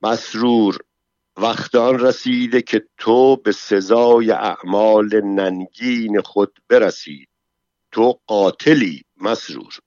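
A man's voice: on the low side, darkish tone, no echo, natural voice. A man voicing a young male guard who speaks in a muffled, brooding voice. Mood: menacing.

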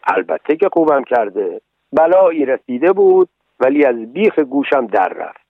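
A man voicing a stubborn, whiny wooden puppet boy in a storybook reading, with high, pleading protests over a tinny radio broadcast. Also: very animated, creaky, dry recording. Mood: contrite.

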